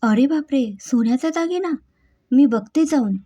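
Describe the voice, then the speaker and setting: A woman voicing a greedy, scheming young wife who chatters excitedly, in a spoken story. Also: mid-range voice, normal speed, natural voice. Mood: gleeful. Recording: dull lo-fi recording.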